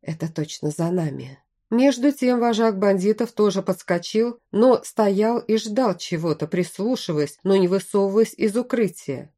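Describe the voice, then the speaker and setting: A woman reading a fantasy novel aloud in first person, with steady storytelling. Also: medium pitch, normal speed, hardly any pauses. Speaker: audiobook narrator. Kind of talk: first-person audiobook narration.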